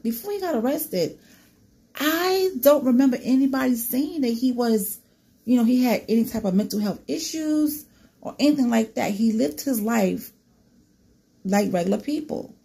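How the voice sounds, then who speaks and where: A woman's voice: on the high side, gravelly, dark tone, husky. A woman commentating on a true crime case. She reads from a news report, then talks casually to her viewers, asking them questions and often saying "you know.". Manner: conversational, poses questions to viewers, many "you know" fillers.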